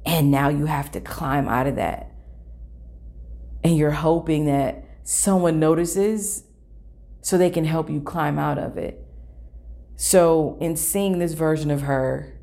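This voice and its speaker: A woman with a low, gravelly voice talks slowly and reflectively. Her tone is mellow and unhurried as she speaks straight to her listeners about hard feelings. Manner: earnest, thoughtful, speaks to listeners directly. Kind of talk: reflective personal talk.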